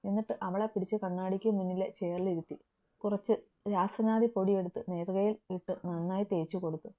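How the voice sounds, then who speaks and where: A woman reads a romantic story aloud in a calm, even way. Her voice is notably dark and mellow, with a relaxed tone throughout. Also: medium pitch, fairly quick. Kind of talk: scripted story narration.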